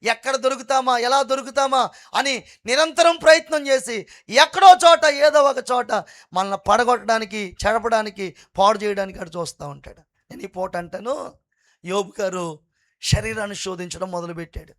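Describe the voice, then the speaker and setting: High-pitched fervent man preaching. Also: normal speed. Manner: fervent preaching, repeatedly urging the congregation to praise loudly. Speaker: pastor. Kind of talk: sermon. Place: church at an all-night prayer meeting.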